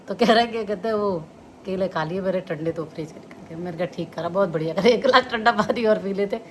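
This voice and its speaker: A woman's voice: medium pitch, a little hiss or hum. A middle-aged woman, chatting casually to her viewers and laughing often as she talks. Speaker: vlogger.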